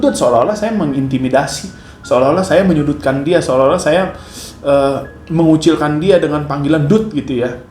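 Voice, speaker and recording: A man's voice: fairly high pitch, a little mellow. A father giving a casual, joking monologue on parenting, talking conversationally to camera. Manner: conversational, joking, switches into acted scolding. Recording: echoey room, faint noise.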